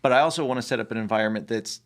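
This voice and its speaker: A man's voice: medium pitch, rapid-fire. A man hosting a podcast interview, thoughtful as he builds up a question. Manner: thoughtful, frames questions with brief affirmations. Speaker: podcast host.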